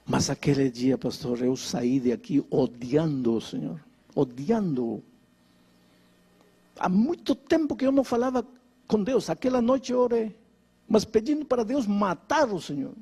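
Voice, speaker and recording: A man's voice: high voice, lively intonation, unhurried, dark tone, breathy edge, heavily acted. A man voicing a bedridden young man who is bitter, then humbled, and whose voice rises in anger. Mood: humble, earnest.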